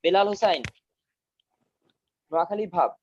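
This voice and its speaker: A man teaching a class over a video call, repeating key terms slowly so students can take notes. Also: high voice, lo-fi sound, a little hiss or hum. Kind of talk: online class lecture. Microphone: video call mic.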